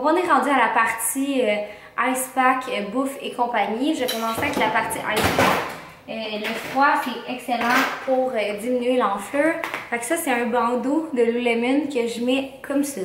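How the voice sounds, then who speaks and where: A woman's voice: a little high, fairly bright tone. A young woman with a Québécois French accent chats casually in a slangy vlog style sprinkled with English words, her mouth swollen after wisdom teeth removal. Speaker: vlogger. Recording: roomy echo, faint background noise.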